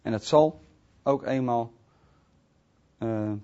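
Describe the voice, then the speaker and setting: A man giving an informal bible teaching in a conversational way, often checking in with his listeners and swinging between soft asides and loud, emphatic stresses. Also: medium pitch, slow pace. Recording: dull lo-fi recording.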